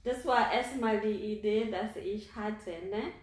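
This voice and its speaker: A woman from Kenya, speaking German as a second language, answers interview questions slowly, with many fillers and tag questions. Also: medium pitch, fairly even intonation, roomy sound, rough recording. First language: not German. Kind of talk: conversational interview.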